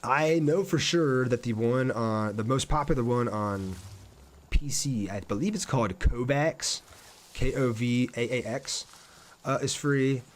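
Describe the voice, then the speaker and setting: A man streams a video game and chats casually with his viewers while he plays, reading their comments aloud and answering them. His voice is medium-pitched, and he speaks a little slowly.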